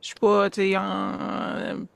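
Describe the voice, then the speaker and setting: A woman's voice: medium pitch, completely flat delivery, slow pace, vocal fry, dry recording. A woman playing a tabletop game, talking in a casual, chatty way. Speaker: player. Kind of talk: tabletop role-play talk.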